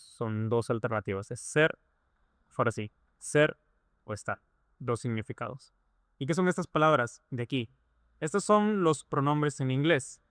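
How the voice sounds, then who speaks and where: A man's voice: mid-range voice, fairly bright tone, clean tone, dry recording, clean studio sound. A man teaching a lesson, explaining patiently and repeating points through rhetorical questions. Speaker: English teacher.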